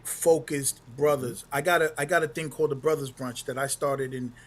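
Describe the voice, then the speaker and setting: A man's voice: mid-range voice, steady tone, fairly quick. A man who runs a men's group, speaking earnestly on a panel and posing questions to the others. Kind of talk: casual panel discussion.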